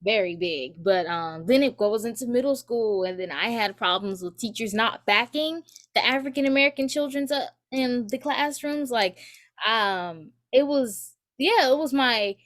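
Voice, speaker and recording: A woman's voice: on the high side, moderate pace, fairly bright tone. Earnest woman giving personal testimony. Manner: earnest, many fillers and restarts. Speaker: student speaker at a forum. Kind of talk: personal testimony at a community forum.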